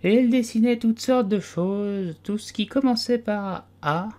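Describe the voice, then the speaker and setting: A man voicing a sleepy male dormouse in a storybook, with a faint, hoarse voice and a slow, drawn-out way of talking. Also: high-pitched, mellow, pitched above the performer's own voice. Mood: drowsy. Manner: drowsy, drawn-out.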